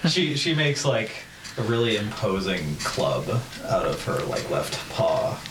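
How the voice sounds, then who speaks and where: A man chatting as a tabletop player, excitable and searching for words. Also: lowish voice, measured pace, reverberant, noisy background. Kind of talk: casual chat.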